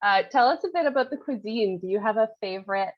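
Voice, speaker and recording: A woman's voice: mid-range voice, fast talker. A woman interviewing a guest in a casual conversation, asking short questions and giving encouraging replies. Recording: dull lo-fi audio.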